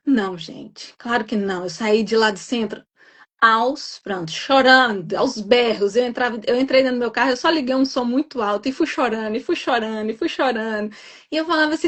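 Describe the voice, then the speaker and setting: A woman nurse, a guest in a live chat, recounting a personal story in an animated, emphatic way. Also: a little high.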